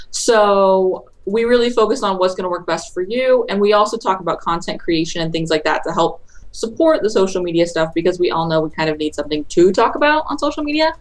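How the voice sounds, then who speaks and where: A woman guest on a podcast explaining social media marketing in a brisk, chatty way that tends to ramble. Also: lowish voice, poor audio. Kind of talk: casual interview chat.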